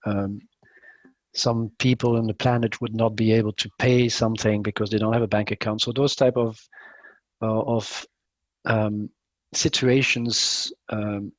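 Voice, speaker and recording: A middle-aged man from Belgium, answering interview questions in a measured way and pausing often to find his words. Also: medium pitch, dry recording, poor audio. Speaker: guest, company CEO.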